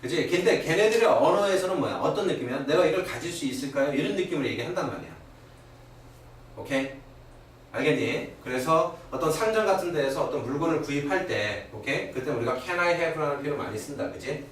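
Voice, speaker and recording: Brisk and fairly high-pitched, this middle-aged man teaches English grammar to a class at an academy, constantly asking "그지?" and "오케이?" in an animated way. The old recording was made by a distant camera and is heavily echoey, with a faint hiss underneath.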